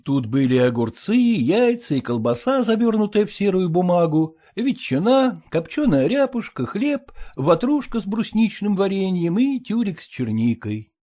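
A man reading a story aloud in a calm, even storytelling manner. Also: high-pitched, normal speed, hardly any pauses. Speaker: audiobook reader. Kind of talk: scripted narration.

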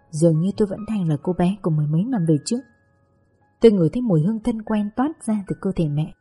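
A woman tells a first-person story in a very breathy, husky voice. Her delivery is gentle and wistful, with a warm, mellow tone. Faint music sits underneath her reading. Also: lowish voice. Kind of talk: first-person audiobook narration.

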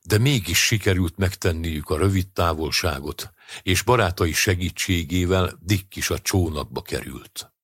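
A man reading a short story aloud as an audiobook narrator, in a steady, measured way. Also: sits low, slightly rough, no room sound, studio quality.

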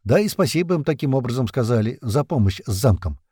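Expressive male audiobook narrator. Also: medium pitch, fast, husky, dry recording, clean studio sound. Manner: expressive, tense storytelling. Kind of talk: first-person audiobook narration.

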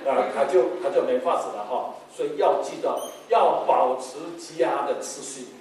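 A man preaching a sermon as pastor, lively and animated, acting out family members in quoted voices. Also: mid-range voice, moderate pace. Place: church hall. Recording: very echoey hall, mic far off, faint noise.

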